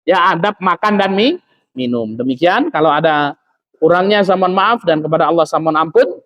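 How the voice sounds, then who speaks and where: A man's voice: on the high side, lively intonation, a little fast, highs cut off. A man giving a religious study lecture as an Islamic teacher, talking in a conversational way with frequent tag fillers. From Lampung, Indonesia.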